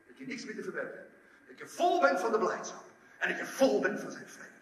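A man preaching a sermon, lively, acting out the story in voices. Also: sits high, brisk. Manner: animated, acts out the story in voices. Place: large church hall. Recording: echoey hall, from far off.

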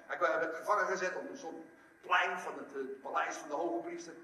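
A man preaching a sermon, lively, acting out the story in voices. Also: a little high, brisk. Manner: animated, acts out the story in voices. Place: large church hall. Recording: echoey hall, from far off.

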